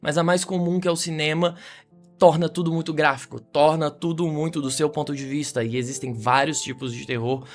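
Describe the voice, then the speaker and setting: Brazilian male podcast host, reflective monologue, slightly raised pitch, faint music bed. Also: fairly even intonation, brisk. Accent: Brazilian Portuguese.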